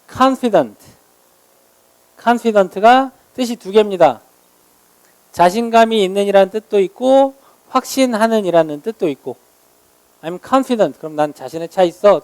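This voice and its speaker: A man teaching English vocabulary in a lecture, explaining meanings and slowly modeling each word's pronunciation. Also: high voice, dark tone, clear, resonant tone, no room sound.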